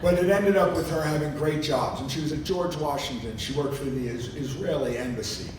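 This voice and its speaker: A mature man delivers a jokey, anecdotal wedding toast in a slightly raised pitch. He sounds far from the microphone in a big echoing hall, with loud noise around him. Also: brisk. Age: 50s or older. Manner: jokey storytelling with acted-out quotes. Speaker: father of the bride giving a speech. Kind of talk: wedding toast, informal anecdotal speech to guests. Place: large room at a wedding reception. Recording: echoey noisy hall, distant mic, low rumble.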